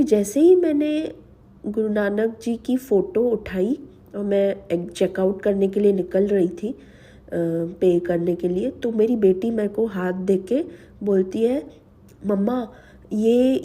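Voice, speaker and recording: A woman shares a personal devotional testimony with her listeners, speaking slowly and earnestly. Her voice is dark and slightly husky, with a mildly sore throat, and she drops English words into her speech. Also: medium pitch. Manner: slow, earnest, mixes English words into Hindi. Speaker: devotional channel host. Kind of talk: personal testimony to a spiritual audience.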